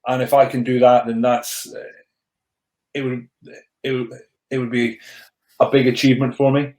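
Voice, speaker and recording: Recorded in an echoey room, a rugby player turned coach in his thirties talks candidly on a podcast at a moderate pace. His medium-pitched voice has a darkish tone and little pitch movement, and his mostly contained stammer makes him restart and repeat words as he earnestly tells his story.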